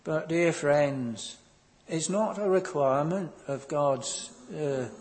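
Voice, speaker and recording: A man preaching a sermon in a slow, earnest manner, pausing often and filling the gaps with ums. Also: on the high side, darkish tone, long reverb tail.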